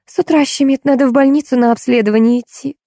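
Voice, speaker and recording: A woman's voice: high voice, fairly even intonation, quick pace, dark tone, no room sound, clean studio sound, pitched above the performer's own voice. Woman reading a weary, exasperated companion. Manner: patient, then exasperated. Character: weary middle-aged woman soothing her hothead companion.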